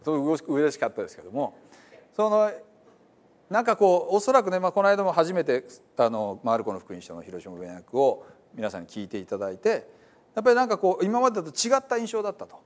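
Animated male pastor explaining scripture. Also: fairly high pitch, fairly quick. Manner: conversational, explanatory, many fillers. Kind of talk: sermon. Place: church.

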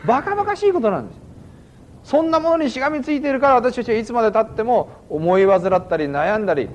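Pastor guy giving a sermon, kinda high voice, chatty w/ lots of fillers. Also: a little mellow, a little hiss or hum. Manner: conversational preaching with frequent "ano" fillers.

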